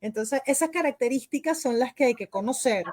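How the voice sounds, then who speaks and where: A woman with a Venezuelan accent and a fairly high voice explains how dubbing works, in a patient teacherly way. She keeps checking in with her listener with a quick "¿ok?" as she goes. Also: expressive, a little mellow. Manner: explanatory, peppers speech with "¿ok?". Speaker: voice actress and dubbing instructor. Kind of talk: interview answers.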